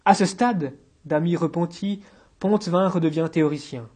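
A man narrating an audiobook in a measured, literary reading. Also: on the high side, darkish tone, breathy edge.

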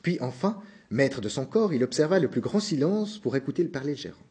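A man narrating a novel in a measured, subdued reading voice. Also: mid-range voice, big pitch swings, darkish tone, breathy edge.

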